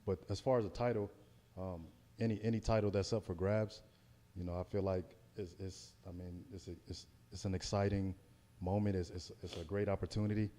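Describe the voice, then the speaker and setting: A man's voice: low voice, fairly even intonation, a little fast, dark tone, long reverb tail. An American man, a heavyweight boxer, giving a casual pre-fight interview in a hesitant, circling way. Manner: hesitant, circling, repeats words.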